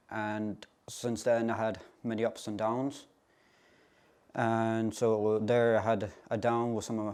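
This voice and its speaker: Young guy talking calm and candid, smooth even voice. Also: fairly low pitch. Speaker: student. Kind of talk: personal interview testimony.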